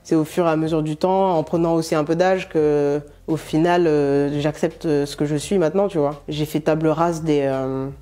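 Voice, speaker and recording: A young woman from France giving a candid personal testimony in an interview, speaking reflectively and hesitantly with frequent pauses and fillers. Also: low-pitched, steady tone, mellow. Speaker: musician interviewee.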